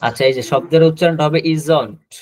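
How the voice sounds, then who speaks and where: A man teaching a spoken-English class over a video call, repeating each example slowly and drilling pronunciation. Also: fairly high pitch, a little mellow, a little hiss or hum.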